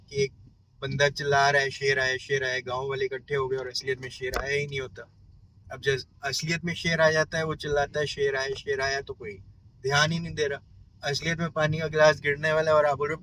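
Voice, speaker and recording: Bright-voiced man giving a casual lesson. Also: fairly high pitch, slight background noise, poor audio. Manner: explains with everyday examples, keeps checking in with "ठीक है". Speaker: self-help coach.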